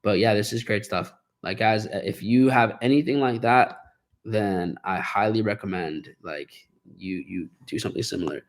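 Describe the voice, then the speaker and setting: A man's voice: lowish voice, normal speed. A man hosting a live Q&A on trading, casually encouraging his students and talking through their journals with lots of fillers and restarts. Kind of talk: casual live-stream talk.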